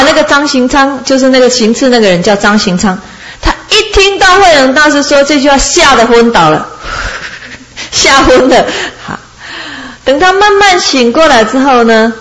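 A woman giving a Buddhist dharma talk, telling a story in a lively way and often laughing as she speaks. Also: high-pitched, moderate pace, low-quality recording. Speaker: Buddhist teacher.

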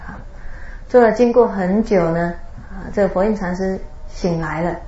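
A woman's voice: mid-range voice, warm tone. Woman telling a Zen story in a dull, echoey room. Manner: storytelling with many drawn-out particles and laughs. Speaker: Buddhist teacher. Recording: roomy, dull lo-fi recording.

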